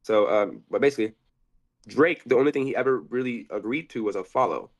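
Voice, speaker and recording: A man's voice: medium pitch, lively intonation, dull audio. A man being interviewed, telling a rambling story with lots of cursing and restarts. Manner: rapid, cursing, restarts often. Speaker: interview guest.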